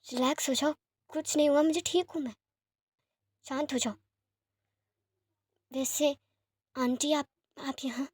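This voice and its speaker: A woman voicing a gentle, sick young man who speaks softly and apologetically, in a fan-fiction story reading. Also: high-pitched, steady tone, a little slow, long pauses, dry recording, clean studio sound. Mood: hushed. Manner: soft, hushed and apologetic.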